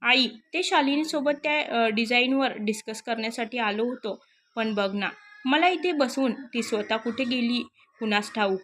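A woman's voice: on the high side, unhurried, a bit bright. A woman voicing a teasing young male boss. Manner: playful, pushy, chatty. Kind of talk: storybook narration.

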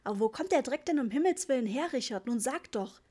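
A woman voicing an indignant, fretful middle-aged mother who complains in a shrill, raised voice. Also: animated, a little fast, warm tone. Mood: agitated.

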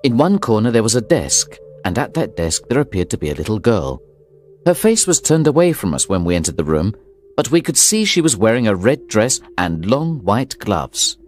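A man reads a story aloud in a steady, clear narrating manner. His voice is very deep yet moves with lively rises and falls. Soft music runs quietly underneath. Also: moderate pace.

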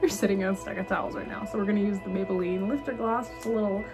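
A woman's voice: mid-range voice, steady tone, very fast, over music. A young woman in her twenties chatting casually and rambling cheerfully in a vlog, filmed on a phone in her bathroom and parked car. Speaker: vlogger.

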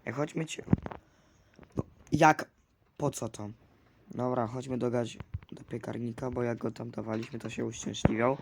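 A man commentating a video game, chatting to the game characters with sudden loud outbursts. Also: mid-range voice, steady tone, moderate pace, pauses often. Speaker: gamer. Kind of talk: let's play commentary. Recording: clear clicking noise behind.

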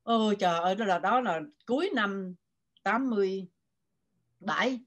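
A woman's voice: medium pitch, moderate pace, highs cut off. An older woman from Vietnam with a Southern Vietnamese accent, telling her story animatedly as an interview guest and switching between Vietnamese and English. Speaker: guest writer.

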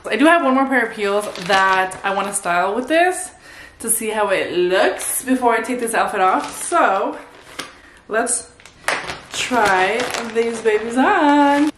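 A young adult fashion vlogger speaks a little slowly in a slightly high, animated voice, against a noisy background in an echoey room. During her casual try-on haul she stays bubbly and chatty, addressing viewers constantly with "you guys."

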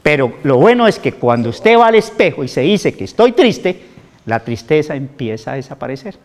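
A man giving an informal health talk to a group, animated and full of rhetorical questions, with a Colombian Spanish accent. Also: medium pitch, brisk. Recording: hall with long reverb.

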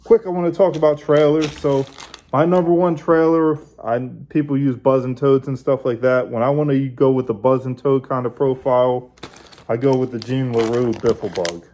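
A man hosting his own fishing channel, casually showing how he bends and adjusts a lure while he talks, in a relaxed hands-on way. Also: medium pitch, normal speed, slight background noise. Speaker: bass angler, channel host.

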